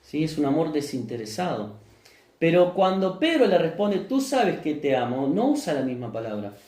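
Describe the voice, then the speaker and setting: A man with a Rioplatense accent preaches a sermon as pastor. His voice sits somewhat high but sounds mellow and warm. He keeps asking the congregation questions and then answering them, and the sound carries the echo of a roomy church. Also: sing-song, normal speed. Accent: Rioplatense Spanish. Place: church hall.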